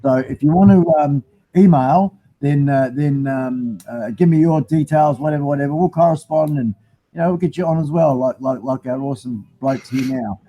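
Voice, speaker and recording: A man's voice: a little high, moderate pace, warm tone, low-quality recording. A man with a broad New Zealand accent hosting a casual live stream, rambling and matey as he chats to viewers. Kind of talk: casual live chat, reading out viewer comments.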